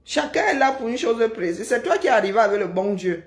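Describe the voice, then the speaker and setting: A woman's voice: on the high side, lively intonation, quick pace. Woman, middle-aged, live-stream host, teasing, sarcastic, chatty. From Kribi, Cameroon. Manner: teasing and sarcastic, with frequent "hein?" tags. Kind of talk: casual live-stream chat, answering viewer comments.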